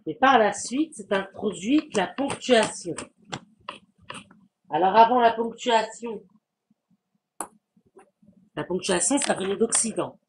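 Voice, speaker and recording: A man giving a language lesson, patiently explaining and repeating sounds and words to demonstrate them, with some hesitant pauses. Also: sits high, lively intonation, a little hiss or hum. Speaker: Arabic language teacher.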